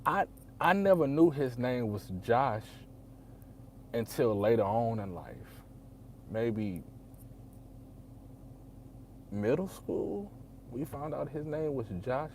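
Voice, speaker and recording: A man's voice: mid-range voice, animated, takes it slowly, darkish tone, a little hiss or hum. A man, telling a personal story in a loose, rambling way full of fillers. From Texas. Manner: rambling, full of fillers and "you know what I'm saying". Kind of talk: casual storytelling.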